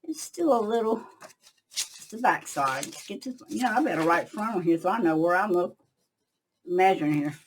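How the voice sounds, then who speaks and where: An older woman, hosting a casual crafting tutorial from her craft shop, chatting to viewers as she works and going quiet while she concentrates. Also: lowish voice, lively intonation, moderate pace, pauses often, slight background noise, low-quality recording. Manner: chatty, talks to viewers while working, trails off when concentrating.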